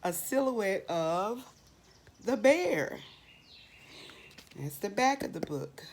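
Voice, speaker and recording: Reading a children's storybook aloud, a middle-aged woman teacher uses a medium-pitched, very animated voice and takes her time. She asks questions with expression and answers them herself, drawing out and repeating words to emphasize them.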